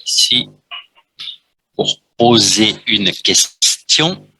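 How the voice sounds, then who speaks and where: A man with as his teaches a French class, going slowly and repeating himself, dropping "hein" between phrases. His voice is bright and husky, and the sound is dry and close. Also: on the low side, very animated, no room sound, rough recording. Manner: slow, repetitive teacher talk with frequent "hein"; switches between French and Vietnamese to explain.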